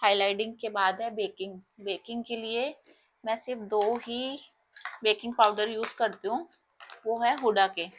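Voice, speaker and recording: A woman's voice: on the high side, steady tone, normal speed, highs cut off, a little hiss or hum. A young woman with an Indian accent walks through her makeup artist's kit in a casual, chatty way. She explains each product step by step and speaks straight to her viewers.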